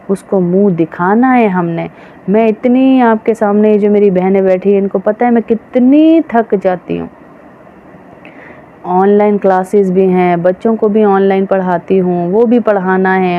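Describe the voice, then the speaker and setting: A woman religious teacher preaching a sermon to women, emphatic and full of rhetorical questions. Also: mid-range voice. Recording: dull, slightly noisy recording.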